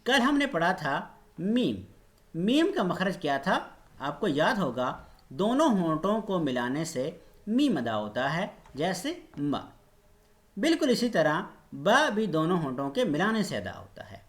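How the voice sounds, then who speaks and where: A man's voice: on the high side, big pitch swings, measured pace. A man teaching an online Quran recitation lesson, patiently demonstrating each letter's sound.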